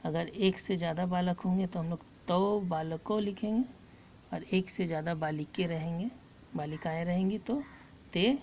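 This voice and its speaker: Woman teacher, low and gravelly, reads and explains each phrase very slowly. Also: a little mellow, a little hiss or hum. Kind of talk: slow line-by-line Sanskrit lesson with Hindi translation.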